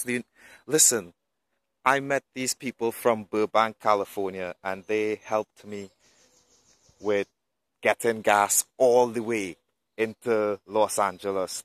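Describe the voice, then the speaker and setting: A man's voice: medium pitch, dry recording. A man telling his personal faith testimony in an earnest, emotional way, moving from storytelling into preaching.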